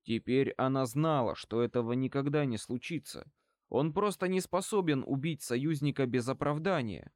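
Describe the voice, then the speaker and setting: A man reading an audiobook in even, measured storytelling narration. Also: medium pitch, no room sound, clean studio sound. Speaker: audiobook reader.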